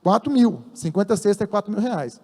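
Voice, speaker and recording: A man's voice: sits high, lively intonation, brisk, dark tone, in a large hall. A man with a Brazilian Portuguese accent preaching a sermon as a church elder, telling stories and acting out dialogue with emphasis.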